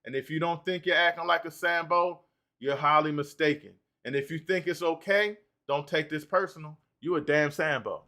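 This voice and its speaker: Male stream host, bright and fairly high voice, works through the chat out loud. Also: normal speed. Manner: animated, reads out and answers chat comments. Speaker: livestream host. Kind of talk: livestream talk reading chat comments.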